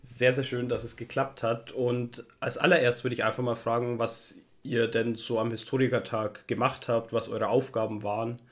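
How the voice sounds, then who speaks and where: A man's voice: mid-range voice, flat delivery, moderate pace, hardly any pauses. A young adult man moderating an interview politely, his voice slightly affected by illness. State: slightly ill with a cold-affected voice.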